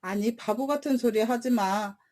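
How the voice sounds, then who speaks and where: A woman's voice: fairly high pitch, normal speed, a little mellow, natural voice. A woman voicing a self-assured snake's head in a bedtime story, speaking in a scolding, patronizing manner.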